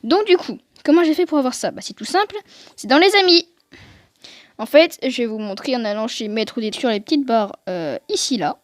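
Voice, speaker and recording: A woman's voice: a little high, expressive, a little fast, no room sound. A woman hosting a gaming video, giving casual, joking, self-mocking commentary into a close microphone. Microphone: desk microphone close up.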